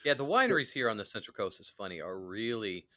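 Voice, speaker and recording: A man co-hosting a podcast with a bright, animated voice that swings widely in pitch. He jokes around and laughs easily during casual chat. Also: quick pace, dry recording. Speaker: podcast co-host.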